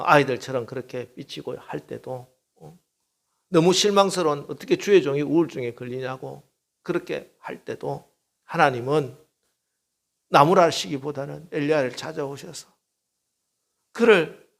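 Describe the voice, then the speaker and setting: A man's voice: fairly high pitch, normal speed, gravelly. A male pastor preaching a sermon emphatically, often throwing rhetorical questions and tags at the congregation.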